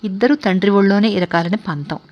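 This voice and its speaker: A woman storyteller giving a measured, expressive scripted narration of a novel. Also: medium pitch, highs cut off.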